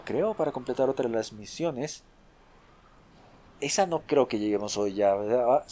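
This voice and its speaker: A man hosting a let's play video, commentating excitably, repeating short phrases in bursts and chatting to his viewers. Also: mid-range voice. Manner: chatty, addresses viewers as a group. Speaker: gaming video host.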